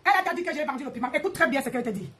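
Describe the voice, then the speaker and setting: A woman's voice: high voice, animated, rapid-fire, fairly bright tone. A woman hosting a live stream, ranting in a mocking, confrontational way and repeating her jabs. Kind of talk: heated live-stream rant.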